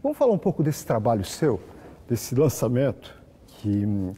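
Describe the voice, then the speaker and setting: Mellow Brazilian man with lively intonation. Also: medium pitch, normal speed, slight background noise. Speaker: television host, interviewer. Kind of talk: conversational celebrity interview. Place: indoor hotel room set up for interview.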